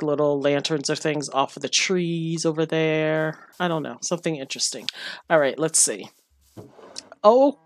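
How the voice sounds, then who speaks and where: A woman's voice: low voice, no echo. A woman chatting through her gameplay, giggling and talking to her game character as she goes. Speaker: gamer. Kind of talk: casual gameplay commentary.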